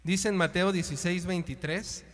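A man's voice: sits high, moderate pace. A man preaching an informal sermon in a conversational way, with colloquial asides and rhetorical questions. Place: church. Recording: long church-hall reverb.

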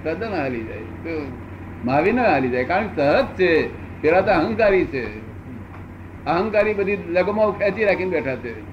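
A man in his seventies answering questions as a spiritual teacher, unhurried and repeating phrases for emphasis. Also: high voice, big pitch swings, highs cut off, noisy background. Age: 70s.

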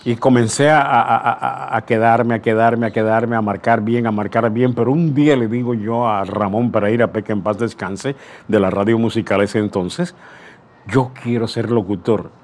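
An older man, a veteran radio announcer, tells anecdotes in an interview, speaking in a mid-range, steady voice at a moderate pace. He is animated, acts out dialogue, and often restarts his words.

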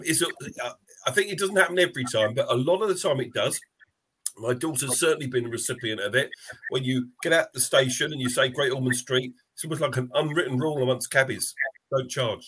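A man's voice: mid-range voice, fairly bright tone, a little hiss or hum, poor audio. A man hosting a fan podcast in a friendly, chatty way, losing his voice a little. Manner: friendly, chatty, many fillers. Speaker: podcast host. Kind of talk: casual podcast chat.

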